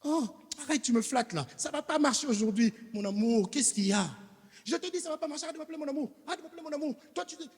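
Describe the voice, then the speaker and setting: A man voicing an upset wife who scolds her husband, with a shrill, indignant and insistent delivery. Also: animated, quick pace. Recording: reverberant hall.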